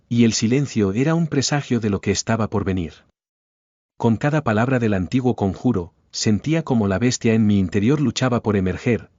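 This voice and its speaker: Guy reading a scary story, lowish voice, solemn n dramatic, dry muffled lo-fi sound. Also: darkish tone, no room sound. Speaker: horror story narrator. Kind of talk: scripted first-person horror narration.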